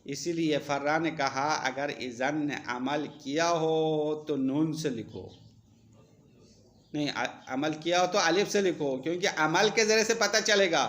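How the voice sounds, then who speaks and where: A man's voice: a little high, a bit bright. A male seminary teacher gives a classroom lecture. He reads Arabic text aloud, explains each line, and asks the students questions.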